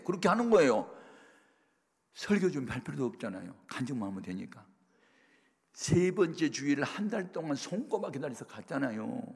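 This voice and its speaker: A male pastor giving a sermon, telling personal stories with animated voices for the people in them. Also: mid-range voice, slightly rough. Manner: animated storytelling, acting out other voices. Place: large prayer hall. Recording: long reverb of a large hall.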